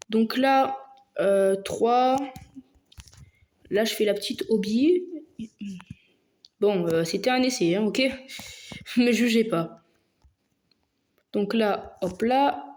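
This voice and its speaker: A woman's voice: fairly high pitch, a little mellow, slight background noise. A woman hosting a gaming video, talking through her gameplay casually and hesitantly, with lots of fillers and restarts. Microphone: phone.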